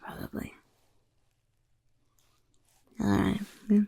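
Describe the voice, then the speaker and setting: In a whispery, soft-spoken ASMR roleplay, a woman voices a scheming male goblin interviewing recruits for a chaos horde, and he refers to himself in the third person. The full character voice is medium-pitched, monotone, gravelly and very slow, with a curious mood.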